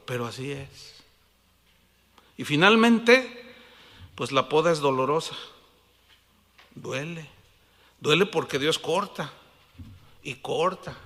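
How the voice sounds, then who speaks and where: A man with a Mexican Spanish accent preaching a sermon, animated, asking the congregation questions and acting out little dialogues. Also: on the high side, creaky, in a large hall.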